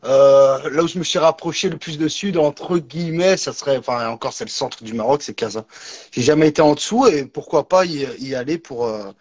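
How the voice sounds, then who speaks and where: Guy explaining stuff, lots of euh, a bit high. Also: brisk, darkish tone, lo-fi sound. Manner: hesitant, many fillers. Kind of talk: casual chat.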